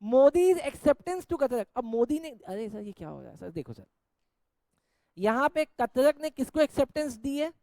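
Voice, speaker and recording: A man's voice: very high voice, big pitch swings, unhurried, warm tone, dry recording. A man teaching an accounts class, jokingly scolding and teasing his students while he explains. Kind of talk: Hindi-English accounts lecture.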